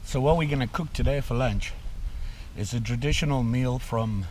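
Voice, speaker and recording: A middle-aged man from Zimbabwe, chatting casually through an outdoor cooking vlog in snowy woods, relaxed and full of fillers. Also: medium pitch, moderate pace, slight background noise. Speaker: outdoor vlogger.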